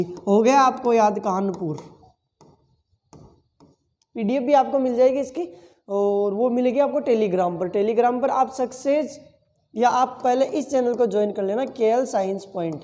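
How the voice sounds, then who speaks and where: High-voiced man teaching, echoing room. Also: a little mellow. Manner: asks questions and answers them himself; repeats key words several times. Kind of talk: exam-prep lesson with memory tricks.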